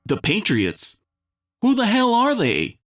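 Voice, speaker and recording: Guy doing a confused young agent, higher voice, thinking out loud. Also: wildly swooping pitch, slow pace, no echo, clean studio sound, soft background music, full character voice. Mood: baffled. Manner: confused, questioning. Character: young male agent, baffled and curious.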